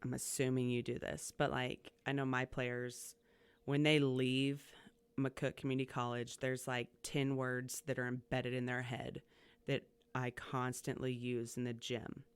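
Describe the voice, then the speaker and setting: Hosting a casual coaching podcast, a woman who coaches at a community college chats upbeat with her guest, asking questions full of fillers and restarts. Her voice is extremely low, clear and resonant, level in tone and measured in pace, with no echo.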